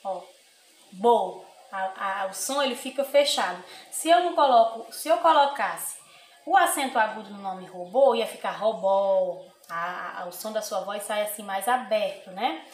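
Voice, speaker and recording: A woman teacher giving a recorded lesson to young children, patient and sing-song, slowly drawing out example words. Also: medium pitch, expressive. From Brazil. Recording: echoey room with faint ambience.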